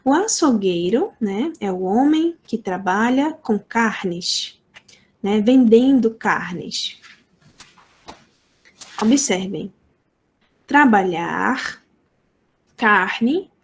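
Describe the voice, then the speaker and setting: A woman with a Brazilian Portuguese accent gives a lesson at an unhurried pace. Her voice sits a little high, and she explains each point deliberately, often pausing to check that students follow. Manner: slow, deliberate explaining with frequent checks for understanding. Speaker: teacher. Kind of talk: online lesson explaining sign language phonology.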